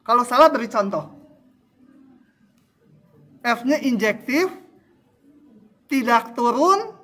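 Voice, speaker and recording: Male math lecturer, unhurried, quizzes the class, thinks aloud at the board. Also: very high-pitched, big pitch swings, pushed and bright. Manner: drawing graphs while explaining, quizzing students with questions; slow, thinking aloud with fillers. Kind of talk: university math tutorial.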